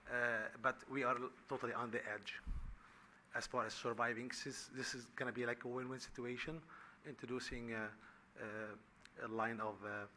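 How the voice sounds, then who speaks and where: A man from Lebanon speaks at a podium microphone in a council chamber, stopping and restarting as he searches for words. His voice is bright and forceful, at a middle pitch, with a faint hiss of noise underneath. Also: flat delivery. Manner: halting, many fillers and restarts. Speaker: restaurant owner applying for a license. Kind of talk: public comment at a city meeting.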